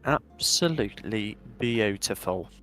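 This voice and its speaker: A man's voice: fairly low pitch, animated, takes it slowly, sharp tone, faint music behind. A young man giving chatty, upbeat play-by-play commentary on a virtual drift event and reading out live chat.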